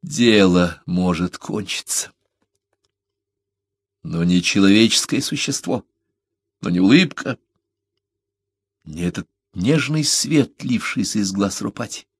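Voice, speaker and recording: A man with a low voice reads a novel aloud in a measured, dramatic way. The recording is dry and close, with no room sound. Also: expressive, slightly rough, dry recording. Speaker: audiobook narrator. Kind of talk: literary audiobook narration.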